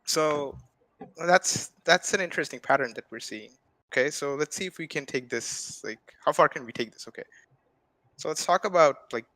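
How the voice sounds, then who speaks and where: A man's voice: medium pitch, sharp tone, no room sound, rough recording. A young man, a math student, casually explaining ideas over a video call, full of hedging fillers and checking in with "right?". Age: young adult. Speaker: guest speaker, math student. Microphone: video call mic.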